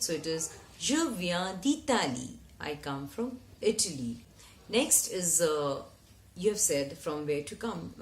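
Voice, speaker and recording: Slow, deliberate woman teaching French. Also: lowish voice, a little hiss or hum. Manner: spells out phrases slowly, repeating each one. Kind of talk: slow, deliberate language lesson. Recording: echoey room.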